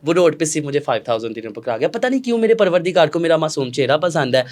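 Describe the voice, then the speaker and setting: A young man from Pakistan with a Pakistani Urdu accent, telling stories dramatically as an interview guest, jumping between loud outbursts and hushed asides. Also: a little high, big pitch swings, rapid-fire. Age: young adult. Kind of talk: casual interview storytelling.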